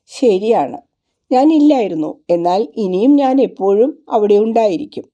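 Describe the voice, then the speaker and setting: A woman's voice: medium pitch, animated, measured pace, natural voice. A woman reading the lines of a shy, tender, repentant young woman in a devotional audiobook. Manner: soft and shy. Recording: dull lo-fi recording.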